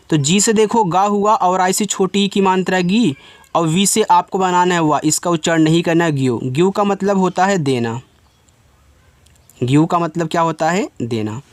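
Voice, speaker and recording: A man's voice: high voice, dry recording. A man teaching a spoken lesson. He spells out words letter by letter, then asks his students the answer and gives it himself, in an informal way. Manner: informal, addresses students directly. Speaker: English teacher.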